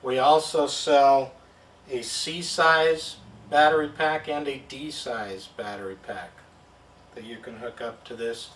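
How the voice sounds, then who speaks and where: Recorded from a distance with roomy, off-mic sound and slight background noise, a man walks through a plain, step-by-step product demo at an indoor table. His voice is medium pitched and a bit bright.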